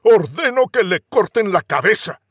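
A man voicing a brutal, unhinged young prince who barks his orders loudly. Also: high voice, lively intonation, normal speed, slightly rough, no room sound, clean studio sound, pitched above the performer's own voice, heavily acted. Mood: imperious. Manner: barking, bellowing commands.

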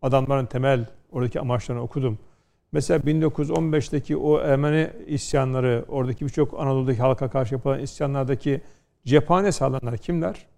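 A man's voice: mid-range voice, steady tone, fast talker, gravelly, a little mellow. A middle-aged man from Konya, a law scholar on a studio panel, lecturing and telling stories with rhetorical questions. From Turkey, Konya.

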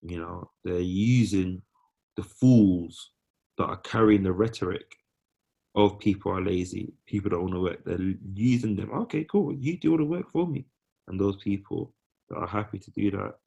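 A man's voice: low voice, fairly even intonation, moderate pace, creaky, darkish tone, slightly rough, highs cut off. A man giving opinions in casual discussion, making his points emphatically in short phrases.

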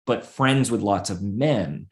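Man co-host, a bit low, halting and musing. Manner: musing, halting, many fillers and restarts. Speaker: podcast co-host. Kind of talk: casual chat.

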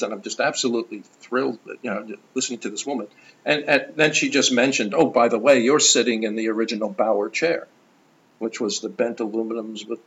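An older man, a guest in an interview, telling stories in an animated, enthusiastic way. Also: medium pitch, dull audio, slight background noise. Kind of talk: conversational storytelling.

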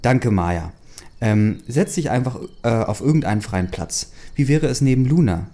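A man's voice: medium pitch, expressive, normal speed, warm tone, close to an everyday voice. A man reading the lines of a friendly, mildly stern middle-aged female teacher in a plain reading voice. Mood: kindly.

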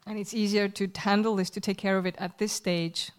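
A woman's voice: medium pitch, flat delivery, fairly quick, smooth. A woman giving a live spoken translation of a sermon in church, hesitant and searching for words as she goes. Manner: hesitant, searching for words with fillers and self-corrections. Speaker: interpreter.

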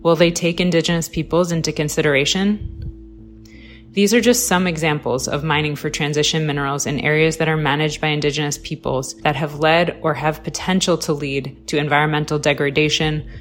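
A woman narrating a scripted radio documentary in a measured, serious, carefully enunciated way. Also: sits low, steady tone. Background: music behind the voice.

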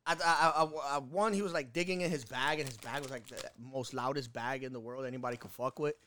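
A man telling crude stories in a casual podcast chat, animated and profane. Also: medium pitch, quick pace, a little hiss or hum. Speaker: podcast co-host.

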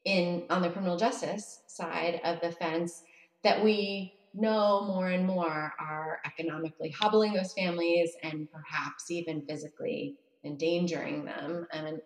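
A woman with a slightly low voice answers interview questions as a guest researcher. She is measured and articulate, and her remote connection sounds roomy and echoey. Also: steady tone.

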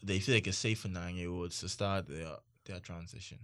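A man's voice: deep voice, moderate pace, fairly bright tone. A man in casual group banter, talking in a slangy, argumentative, bro-ish way.

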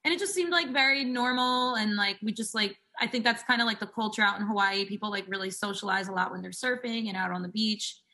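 Chatty bright-voiced young woman. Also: medium pitch, quick pace, hardly any pauses. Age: 20s. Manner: chatty, fills speech with "like". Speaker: singer guest. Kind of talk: casual storytelling interview.

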